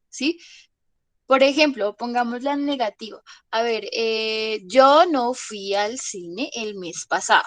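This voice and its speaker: A woman with a high-sitting voice teaches an English lesson online, explaining patiently. She checks often that her students are following, leaning on frequent tag questions. The recording has no echo.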